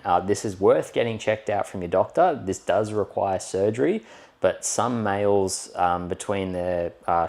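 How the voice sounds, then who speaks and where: A man's voice: low-pitched, a little mellow. A man co-hosting a podcast, explaining things in a chatty, rambling way with plenty of fillers. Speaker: podcast co-host. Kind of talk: casual podcast chat.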